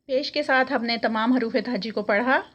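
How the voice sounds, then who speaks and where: A woman with a Pakistani Urdu accent, teaching Quran reading and reciting letter sounds slowly. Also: fairly high pitch, fairly bright tone, lo-fi sound. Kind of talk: recorded Arabic letter lesson.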